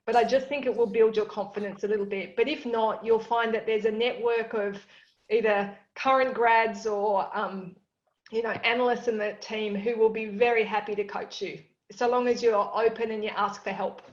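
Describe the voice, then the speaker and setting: Female panelist, calm and reassuring, halting phrasing; roomy lo-fi recording. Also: a little high. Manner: reassuring, stop-start phrasing. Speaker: industry panelist. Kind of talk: panel discussion. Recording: roomy, dull-sounding audio.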